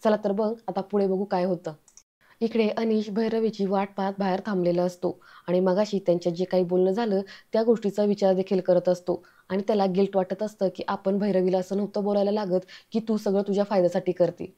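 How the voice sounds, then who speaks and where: Woman recapping a tv serial, chatty, warm and flat delivery, dull lo-fi sound. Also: medium pitch, a little fast. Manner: chatty, addresses viewers as friends. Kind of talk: casual storytelling recap. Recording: slightly dull lo-fi audio.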